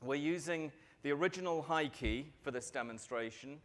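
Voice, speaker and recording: A middle-aged man gives a prepared keynote address at a lectern mic on a large conference stage. His voice is on the high side, and he speaks in a measured, steady manner with the odd filler.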